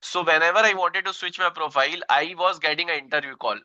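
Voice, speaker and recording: An Indian English-accented man in his thirties runs an online tech lesson, circling back over his points and tagging them with "right?". His voice is very bright and clean, pitched a bit high for a man. The recording is dry but somewhat dull and lo-fi. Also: quick pace, no echo. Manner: repeats himself, frequent "right?" tags. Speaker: instructor.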